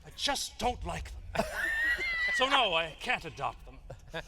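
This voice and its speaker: A man playing a solemn, self-important adventurer in live tabletop role-play, speaking deliberately and theatrically, on a noisy recording. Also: a little high, sing-song, full character voice.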